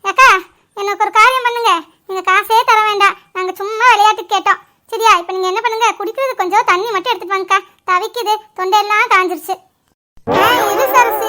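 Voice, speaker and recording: A woman voicing a chatty, quick-tempered young village woman in a family cartoon, teasing and scolding in a bickering way. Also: extremely high pitch, sharp tone. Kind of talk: animated cartoon dialogue.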